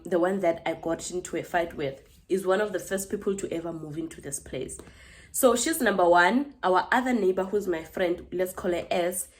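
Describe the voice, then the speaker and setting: Speaking in a lowish voice, a twenty-something woman with a South African accent tells a personal story to her camera. Her vlogging style is relaxed and talkative, full of little asides aimed at viewers.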